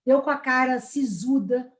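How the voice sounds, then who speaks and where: A woman giving a lively training lesson, often calling on students by name. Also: high voice, a little slow. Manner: animated, addresses students by name. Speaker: corporate trainer. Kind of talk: live training talk.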